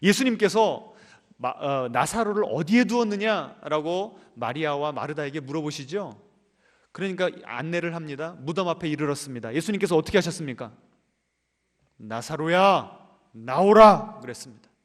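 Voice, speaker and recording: A man preaches in a high, bright register, dramatic and animated. He keeps turning to the congregation with direct questions. His voice carries through the long reverb of a large church sanctuary. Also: a little fast. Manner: dramatic, animated delivery with swings in pitch and loudness. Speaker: pastor. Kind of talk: sermon.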